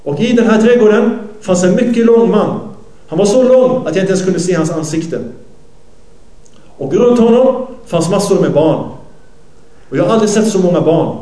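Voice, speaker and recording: This is a preacher retelling a hadith in a sermon, translating as he speaks and fixing his own slips. His high, warm voice is animated and broken by frequent pauses, and the low-quality recording is reverberant.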